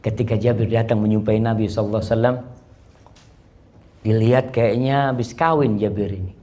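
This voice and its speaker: Animated male preacher telling a story. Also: on the low side, brisk. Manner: animated storyteller, switching between narration and recited Arabic. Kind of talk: storytelling sermon.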